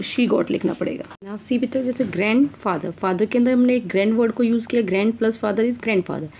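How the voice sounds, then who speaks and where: An Indian school teacher gives children an English grammar lesson, mixing Hindi with English, calling her pupils "beta", and repeating herself while checking "theek hai na". Her voice is on the high side, gravelly and warm, with a little hiss or hum in the audio.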